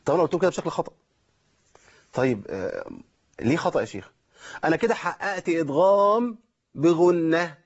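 A fast-talking Egyptian man teaches Quran recitation on a call-in show, breaking each rule into small steps and checking in with listeners. His voice sits fairly high for a man, and the broadcast audio sounds muffled and lo-fi. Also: animated, husky. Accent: Egyptian Arabic. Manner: explains step by step, checks in with listeners. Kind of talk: call-in tajweed lesson.

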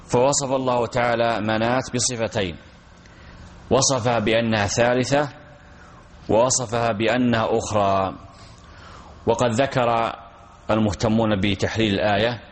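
A man teaching in a measured, steady way, with a voice of ordinary middle pitch. He repeats his key phrases. He poses questions to the class and answers them himself. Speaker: teacher explaining a text. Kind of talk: classroom lesson on Quranic commentary.

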